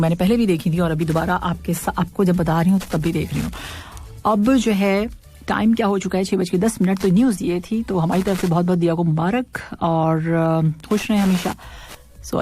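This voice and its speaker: A woman's voice: lowish voice, a little fast, dark tone, faint music behind. A woman hosting an evening radio show, chatting casually, reading listener messages and poetry, and laughing often.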